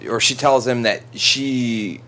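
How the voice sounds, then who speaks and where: A man's voice: mid-range voice, takes it slowly, sharp tone, slight background noise. A man casually recapping a movie plot with friends, joking and swearing as he rambles.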